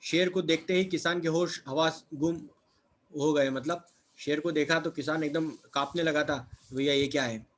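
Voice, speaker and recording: Slightly high and fairly bright, this man's voice stays fairly even and unhurried as he walks through a children's textbook lesson. He asks questions, supplies the answers himself, and keeps repeating words with "है ना" and "ठीक है".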